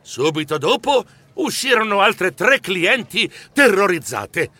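A man reading a children's story aloud with wildly swooping pitch and a bright, high voice. His first-person telling is animated and jittery. The recording is close and dry. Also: slow, dry recording. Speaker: audiobook narrator. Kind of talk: expressive children's audiobook narration.

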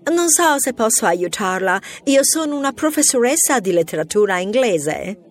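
A woman voicing a brisk female mouse who teaches literature, firing off incredulous questions in a storybook reading. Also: a little high, sing-song. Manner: quizzical, rattling off questions.

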